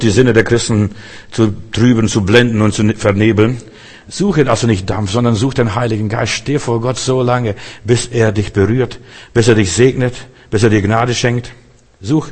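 A man's voice: on the low side, normal speed, breathy edge. A man preaching a sermon in German, speaking straight to the listener and acting out the voices he quotes. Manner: direct, addresses listener as du, acts out quoted voices. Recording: reverberant hall.

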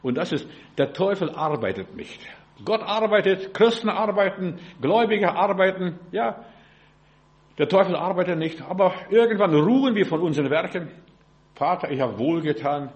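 A man with a somewhat high voice preaching a sermon. He talks straight to his listeners in an informal way, peppering his talk with "ja" and asking "verstehst du?" again and again. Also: expressive, normal speed, highs cut off.

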